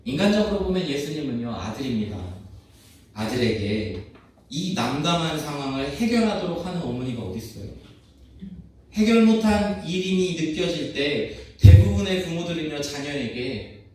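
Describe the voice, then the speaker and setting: A man preaching a Sunday sermon as pastor, talking to the congregation with lively questions and acted-out bits of everyday speech. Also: a little high, moderate pace. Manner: animated, questions the congregation, acts out quoted voices. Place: church sanctuary. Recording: echoey church sanctuary, mic at a distance.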